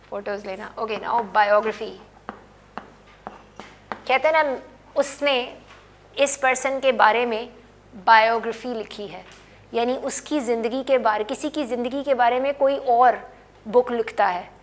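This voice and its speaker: A woman's voice: a little high, steady tone, a little slow. A middle-aged woman teaching English pronunciation, patiently repeating and explaining words in a mix of Hindi and English. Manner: patient, explains words by writing and repeating them, with frequent "okay".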